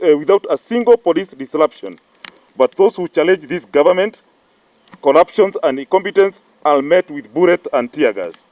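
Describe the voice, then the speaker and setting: Male party spokesman, Kenyan accent, raised pitch, very dry sound, declamatory press-statement read with stumbles. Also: darkish tone, no room sound. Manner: halting delivery, stumbling over words. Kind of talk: reading a political press statement.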